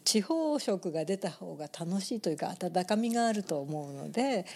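Tokyo-accented woman, radio guest, lowish mellow voice, calm measured answers. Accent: Tokyo Japanese. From Japan. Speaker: guest, Japanese teacher. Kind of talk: radio interview.

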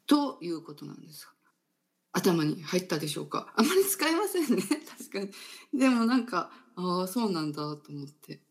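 Low gravelly woman host explaining. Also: big pitch swings. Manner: thoughtful, explains slowly with many fillers. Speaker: radio host. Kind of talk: casual explanatory talk about dialect.

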